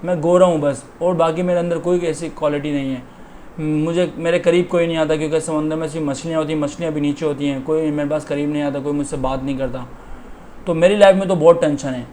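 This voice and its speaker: A man's voice: a little high, fairly even intonation, fast talker, darkish tone, slight background noise, natural voice. A man voicing a lonely male swan who complains wearily about his life. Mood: weary.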